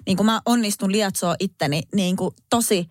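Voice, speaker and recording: Woman, middle-aged, podcast host, animated storyteller, laughs a lot, dry studio sound. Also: mid-range voice, no echo. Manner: animated storyteller, laughs often, builds up worst-case scenarios. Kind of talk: casual chat.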